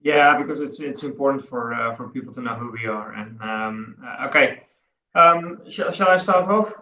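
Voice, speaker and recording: Dutch man with a bright voice. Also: medium pitch, moderate pace, poor audio. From Netherlands. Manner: relaxed, repeats words while thinking. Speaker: podcast co-host. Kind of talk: casual chat.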